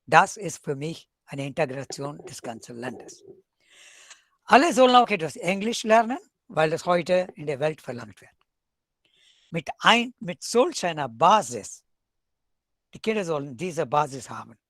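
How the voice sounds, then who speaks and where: A South Indian professor whose first language is Tamil gives an academic webinar talk in an Indian accent, dropping dry, wry asides and switching between German and English. His voice is fairly high and a bit bright. There's no echo.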